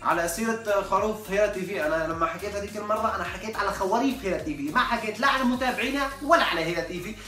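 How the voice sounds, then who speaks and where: Rapid-fire Syrian man ranting for laughs. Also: high-pitched, distant mic. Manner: joking, ranting, mock-exasperated. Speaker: comedy vlogger. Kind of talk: comedic rant. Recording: echoey room, off-mic, faint music.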